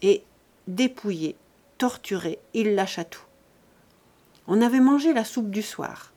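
Woman audiobook reader, mid pitch, steady clear narration. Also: measured pace. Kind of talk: novel reading.

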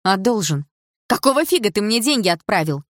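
A woman voicing a proud, sharp-tongued schoolgirl in an audiobook, blunt and indignant. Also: mid-range voice, big pitch swings, fairly quick, dry recording, clean studio sound, pitched above the performer's own voice, lightly acted.

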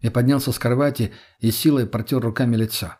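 A man narrating a first-person audiobook in a steady, matter-of-fact way. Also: mid-range voice, fast, slightly rough.

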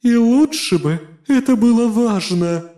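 A cold, blunt female mithril golem, played by a male narrator, speaks in a grating metallic voice. Her tone is pitched very high yet dark and mellow, every word clipped and deadpan, as in a fantasy audiobook. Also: measured pace.

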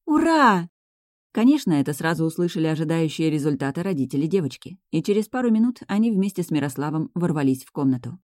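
Low, mellow female audiobook narrator, dry close sound, first-person storytelling. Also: fast talker, hardly any pauses, dry recording.

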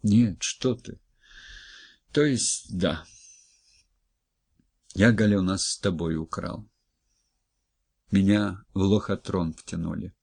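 A man voicing a worn-out middle-aged husband who speaks in a flat, subdued monotone. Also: deep voice, takes it slowly, gravelly, pauses often, breathy edge, no room sound, studio quality, exaggerated voice.

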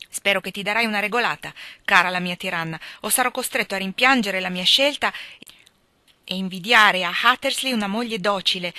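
A woman's voice: medium pitch, bright, forceful tone, no room sound, close to an everyday voice. A woman reading the part of a dissolute, self-pitying young husband, with petulant, sarcastic complaints. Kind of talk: audiobook character reading.

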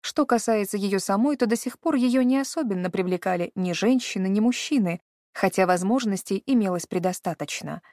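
A woman narrating a fantasy audiobook in an even, measured reading. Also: mid-range voice, no echo, clean studio sound.

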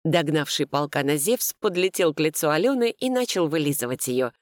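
A woman narrating a first-person romantic comedy audiobook with a lively, expressive reading. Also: low-pitched, fairly quick, no echo, clean studio sound.

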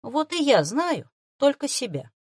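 A gentle young woman talks calmly and persuasively, as a woman narrator puts her on. Her voice is fairly high with lively pitch, close and dry. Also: unhurried, dry recording.

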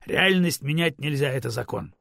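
Curt, mocking talking stone, gravelly and dry-sounding, as a male narrator puts him on. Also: on the high side, normal speed, a bit bright, no room sound. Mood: stern. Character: stern, sarcastic magical talking stone. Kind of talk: audiobook character voice.

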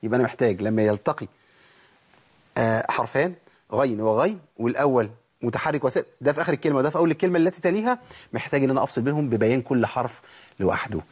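A man's voice: mid-range voice, lively intonation, racing, a little mellow, breathy edge. An Egyptian man teaching Quran recitation, asking rhetorical questions and answering them himself, and drawing out letter sounds in repeated demonstrations. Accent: Egyptian Arabic. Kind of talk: recorded recitation lesson.

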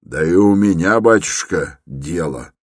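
Grumbling irritable man, as a male reader puts him on, deep tone, close dry sound. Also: animated, a little slow, no echo. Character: gruff impatient middle-aged man.

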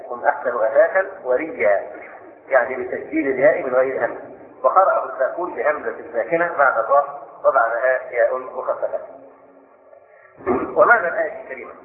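An older man teaches scripture at a brisk clip, slowing only to recite the verses he quotes. His voice sits in an echoey room and comes through a thin, phone-like line. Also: medium pitch. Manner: quick explanatory delivery, slows to recite verses. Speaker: Islamic scholar giving Quran commentary. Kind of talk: spoken Quran commentary lesson.

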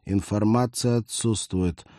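Man doing a slow half-robot cyborg voice. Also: on the low side, fairly even intonation, darkish tone, dry recording, clean studio sound, close to an everyday voice. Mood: indifferent. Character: cold, flat-voiced male cyborg soldier, half robot. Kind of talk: audiobook character voice.

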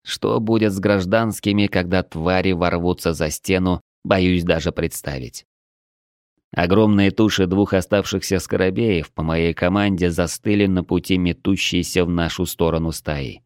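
A man narrating a first-person fantasy audiobook in a steady, measured way. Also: sits low, clean tone, no room sound, studio quality.

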